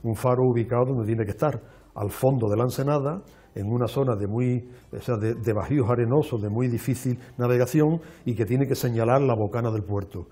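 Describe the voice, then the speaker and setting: A man, a guest explaining in a measured, lecturing way with frequent restarts on a television show. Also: medium pitch, warm tone, slightly rough. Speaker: archaeologist guest. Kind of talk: explanatory interview talk. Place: television studio.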